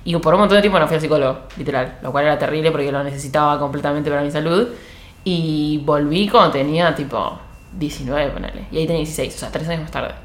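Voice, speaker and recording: A woman's voice: sits low, fast talker, echoey room. A young woman with an Argentine accent chatting casually as a podcast co-host, slangy and emphatic. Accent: Argentine Rioplatense Spanish. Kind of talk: casual chat.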